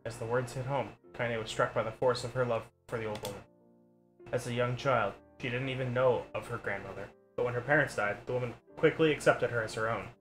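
A man reading a novel aloud in a steady storytelling way, with occasional slips and asides. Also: mid-range voice, fairly quick, soft background music. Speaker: story reader.

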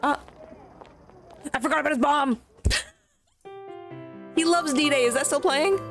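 A woman with a high, bright-pitched voice talks her way through a dating game in loose let's-play commentary. She is excitable and crude, tossing out playful swears as she goes. Game music plays clearly behind her. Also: a little slow. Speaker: streamer playing a dating game.

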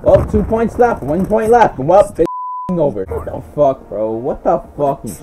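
A young man commentating his own online shooter match, with profane, hot-tempered trash talk and bursts of yelling. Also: on the high side, sing-song, a little slow. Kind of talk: live gameplay commentary. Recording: gameplay audio noise under the voice. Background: game sounds, gunfire and vehicles.

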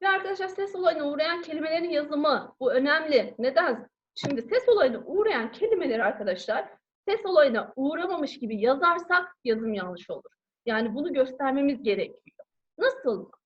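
A woman teaching schoolchildren grammar, her voice high and moving up and down a lot. She asks her class questions, answers them herself, and keeps calling out to her pupils. The recording sounds dull and lo-fi. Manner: explains patiently, often asks and answers her own questions. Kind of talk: online grammar lesson for schoolchildren.

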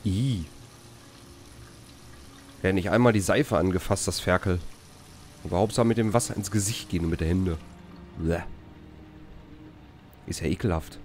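Male gamer, very low voice, casual colloquial commentary, muttered reactions, faint noise behind. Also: moderate pace, pauses often. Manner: colloquial, muttering reactions, reads on-screen text aloud. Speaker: let's play host.

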